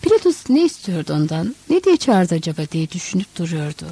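A woman reading a novel aloud as audiobook narrator, measured and expressive. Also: fairly low pitch, slightly rough, no room sound.

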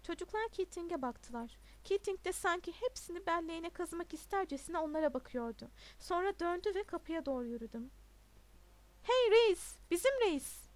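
A woman reading a novel aloud as an audiobook narrator in a steady, even way. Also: very high voice, brisk, few pauses.

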